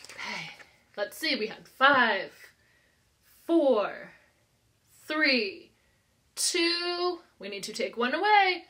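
High, bright, and forceful, this voice is very animated, stretching words out and pausing often. It belongs to an American preschool teacher in her thirties who reads to young children interactively, using simple encouragement and questions.

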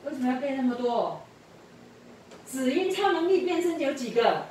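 A woman's voice: high-pitched, big pitch swings, moderate pace, a little mellow. A woman tutoring pupils in a classroom, patiently repeating prompts and quizzing them. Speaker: English teacher. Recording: echoey room from far off, faint noise.

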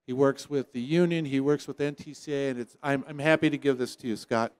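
A man with a medium-pitched, fairly quick, clean voice hosts a prize giveaway in a trade show lounge. He draws winners like a playful emcee, teasing them and joking, with loud bursts of excitement.

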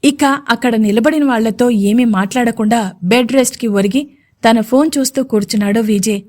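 A woman storyteller giving a scripted, expressive narration of a romance audio story. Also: a little high, normal speed. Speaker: storyteller, radio jockey.

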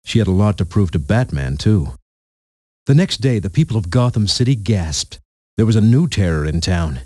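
Guy reading a storybook, low voice that bounces all over, playful, dry sound. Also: lively intonation, moderate pace, warm tone, no echo. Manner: playful, punning storyteller delivery. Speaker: narrator. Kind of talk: scripted storybook narration.

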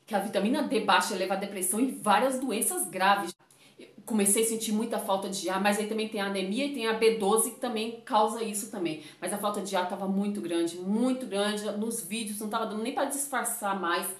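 A woman's voice: mid-range voice, echoey room. A woman from Brazil talking casually to camera as a vlogger, chatty and addressing her viewers often, with a runny nose.

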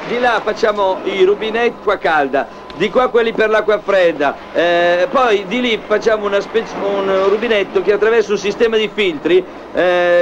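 Male actor as long-winded, flustered factory owner, middle-aged, high-pitched, stammering pomposity, seventies comedy film, muffled soundtrack. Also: background noise, lightly acted. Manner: rambling, stammering hesitations. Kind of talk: 1970s Italian film comedy acting. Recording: dull old film soundtrack with music.

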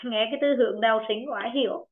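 A woman teaching an online English pronunciation lesson with a Vietnamese accent, encouraging students and repeating words slowly for them. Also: on the high side. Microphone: video call. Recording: tinny phone-like video call audio.

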